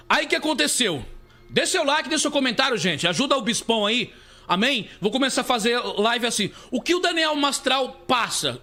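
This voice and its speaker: A man's voice: extremely high pitch, pushed and bright. A man, a bishop, giving an emphatic testimony sermon on a live stream, telling his story and calling his listeners beloved. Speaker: bishop preacher.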